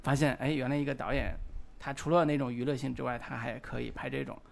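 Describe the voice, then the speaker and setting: A man in his forties with a heavily gravelly, creaky voice talks over a film in casual podcast chat. He muses out loud and pauses often to find his words. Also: mid-range voice, flat delivery. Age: 40s. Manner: reflective, hesitant with many fillers. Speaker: podcast co-host.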